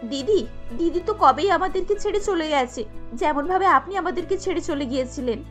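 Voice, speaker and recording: A scheming younger sister from a cartoon story, played by a woman. She speaks high and coaxing, in a light register. Faint music plays behind her. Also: expressive, fairly quick. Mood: remorseful.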